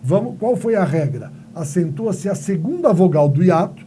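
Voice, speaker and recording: A man's voice: high voice, sing-song, moderate pace, mellow, a little hiss or hum. A male teacher giving a playful grammar lesson, asking and answering his own questions and telling silly stories.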